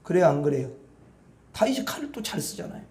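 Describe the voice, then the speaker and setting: A man's voice: a little high, very animated, quick pace, darkish tone, roomy sound, slight background noise. A male pastor preaching a Sunday evening sermon in a conversational way, often asking the congregation to agree with him. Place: church sanctuary.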